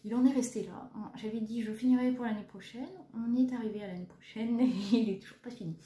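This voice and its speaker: A woman's voice: a little high, steady tone, fast, mellow. A woman in her thirties from France, chatting casually with lots of fillers as she shows her cross-stitch projects. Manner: chatty, hesitant, many fillers, self-deprecating. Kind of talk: casual show-and-tell chat. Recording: echoey room, faint background noise.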